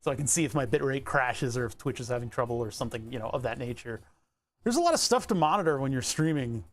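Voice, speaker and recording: A livestreamer with a mid-range voice talks fast and animatedly about his setup in a casual stream. He rambles easily and chuckles often, speaking into a lapel mic in his workshop.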